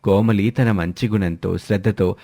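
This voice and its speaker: A man's voice: lowish voice, steady tone, normal speed, warm tone. Male storybook narrator. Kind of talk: scripted narration.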